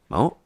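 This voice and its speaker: With a warm voice and no room sound, a man performs an intimate ASMR roleplay as a doting husband. He chats and tells stories in a playful, coaxing, colloquial manner.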